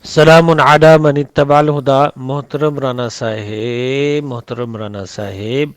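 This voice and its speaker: Guy arguing hard in a voice note, pushy, keeps hammering the same point, mid pitch. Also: fairly even intonation, clean tone, dry recording. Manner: combative, repeats points, rises to emphatic challenges. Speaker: debater. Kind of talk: heated religious debate voice messages.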